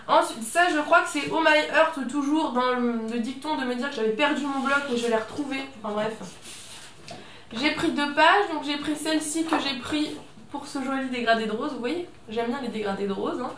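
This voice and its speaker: A woman's voice: high-pitched, moderate pace, a bit bright, far from the mic. A woman chatting casually through a scrapbooking haul video, chatty and self-mocking, with many little fillers. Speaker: scrapbooking vlogger. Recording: echoey room, voice a bit off-mic, faint noise.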